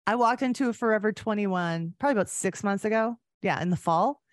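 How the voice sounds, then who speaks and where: This podcast host is a woman with a Canadian accent, speaking at medium pitch and a fairly quick pace. She chats casually and conversationally with her guest in a relaxed interview.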